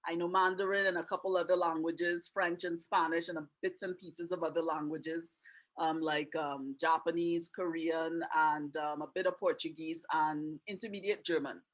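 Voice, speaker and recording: Talking at normal speed in a low-pitched voice with fairly even intonation, a woman hosts a casual online webinar through her computer mic. She's a teacher from Trinidad and Canada whose Trinidadian accent carries a Canadian tinge, and she keeps things friendly and chatty with many asides.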